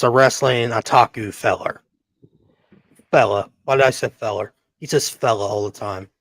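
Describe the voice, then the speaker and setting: Lively-voiced profane podcast co-host. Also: male voice, mid-range voice, no echo. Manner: profane, jokey, laughs a lot. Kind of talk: casual wrestling chat.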